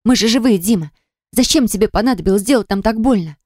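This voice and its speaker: A woman's voice: medium pitch, quick pace, a little mellow, no echo, clean studio sound, voice pushed up, natural voice. A woman voicing a proud, hurt young woman who speaks sharply and reproachfully. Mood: crying out.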